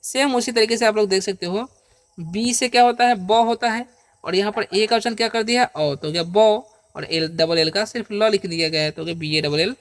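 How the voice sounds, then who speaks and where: High-voiced man teaching English pronunciation. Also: a little fast, fairly bright tone. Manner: patient, repetitive, often asks and answers his own questions; checks in with listeners with frequent "okay?" and "isn't it?". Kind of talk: Hindi-language pronunciation lesson.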